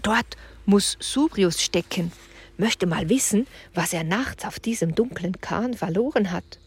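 A woman's voice: on the low side, wildly swooping pitch, measured pace, darkish tone, husky, full character voice. A woman voicing a cautious, anxious boy in a storybook reading, often murmuring and whispering his doubts. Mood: whispered worry.

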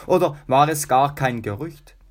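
A man narrating a children's adventure audiobook in a steady, even storytelling voice. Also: mid-range voice, a little slow.

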